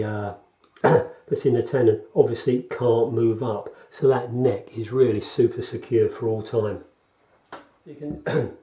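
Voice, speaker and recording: A man, a guitar maker, explaining his work in a halting, measured, informal way while demonstrating in a workshop. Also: mid-range voice, warm tone. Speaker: guitar maker presenting own build. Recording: roomy, echoing workshop sound.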